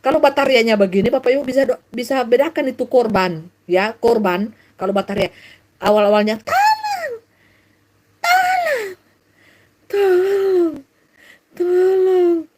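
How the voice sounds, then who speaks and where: A woman's voice: fairly high pitch, brisk, darkish tone, low-quality recording. Laughing middle-aged woman preaching live. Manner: lecturing, addresses viewers directly; laughs often, bursts of acted shrieks. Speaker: self-styled prophet preacher. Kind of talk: live-streamed sermon.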